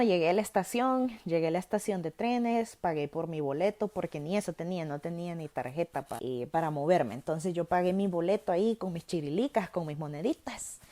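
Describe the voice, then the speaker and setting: Salvadoran woman telling a story, mellow tone. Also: on the low side. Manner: animated, lively retelling with self-corrections. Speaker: podcast host. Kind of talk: personal storytelling.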